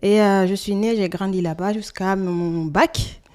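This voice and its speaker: A woman's voice: mid-range voice, fairly even intonation, clear, resonant tone. Hesitant woman guest. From Senegal. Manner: hesitant, many filler pauses, soft-spoken. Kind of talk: interview answers.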